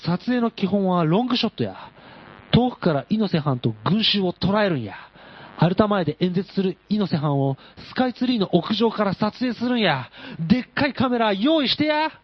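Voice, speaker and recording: A bossy self-styled film director barks grandiose plans in a Kansai accent, as a man puts him on. The voice is husky and pitched rather high, swinging widely from line to line. The sound is dull and lo-fi, like radio audio. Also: sing-song, normal speed, exaggerated voice. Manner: brash, grandiose orders.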